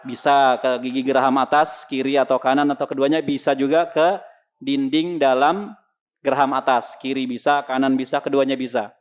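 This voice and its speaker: Speaking at a moderate pace in a clean, mid-range voice with a level tone, a Quran recitation teacher gives a congregation a lesson on pronouncing Arabic letters. He asks questions, supplies the answers himself, and then voices each letter.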